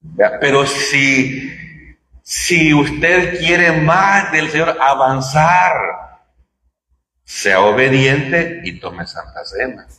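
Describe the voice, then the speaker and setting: A man's voice: on the high side, extremely slow, bright, forceful tone, a little hiss or hum. A man preaching a sermon in a church, talking conversationally and asking his listeners rhetorical questions. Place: church hall. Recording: echoey church hall.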